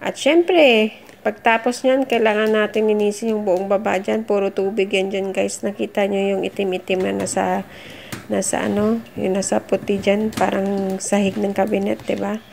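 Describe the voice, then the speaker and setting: A chatty middle-aged woman with a gravelly edge to her voice, cheering her viewers on as she fixes a sink. She talks into a phone camera in a home kitchen, with faint noise in the background. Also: mid-range voice, fairly even intonation, moderate pace, a little mellow. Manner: chatty, encouraging, addresses viewers as guys. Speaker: vlogger. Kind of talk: casual how-to vlog.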